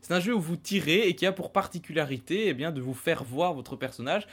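A man's voice: fairly high pitch, a little fast, a bit bright, slightly rough. A man hosting a casual retro gaming podcast discussion, talking with many hesitant fillers. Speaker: podcast host.

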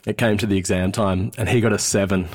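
Talking fast in a fairly low, steady, darkish voice, an Australian podcast guest in his thirties, originally born in New Zealand, keeps the interview chat casual. He often pauses, hunting for the right words.

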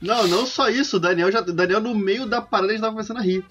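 A man's voice: high voice, rapid-fire, fairly bright tone, slightly rough, faint music behind. A man who is a podcast guest, chatting casually and reacting with exclamations. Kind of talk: casual chat. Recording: dull, muffled sound.

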